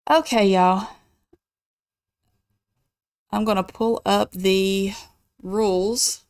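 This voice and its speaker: A woman hosting a gaming channel, chatting casually and reading game rules aloud at an easy, even pace. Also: medium pitch, drawn-out words, dry recording, studio quality.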